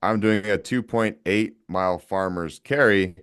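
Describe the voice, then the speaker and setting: A man's voice: fairly low pitch, a little slow, a bit bright, smooth. A young man talking casually and emphatically as a podcast guest, swearing now and then. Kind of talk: casual conversation.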